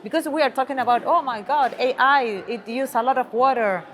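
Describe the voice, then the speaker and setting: A woman from Chile with a Chilean Spanish accent, interviewing a guest in English and pausing thoughtfully to find her words. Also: high voice, a bit bright. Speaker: interviewer, TV journalist. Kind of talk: conference interview.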